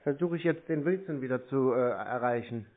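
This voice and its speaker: This prank caller targets scam call centres, speaking briskly in a mid-range male voice. His casual phone chat comes through a narrow-band line, and he keeps up a dogged, unflappable manner while feigning innocence.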